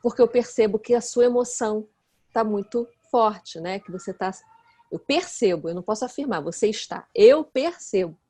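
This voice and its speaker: A woman, a guest expert who explains her ideas earnestly in relaxed conversation and often checks in with her listener. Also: mid-range voice, normal speed, breathy edge. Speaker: guest expert in nonviolent communication.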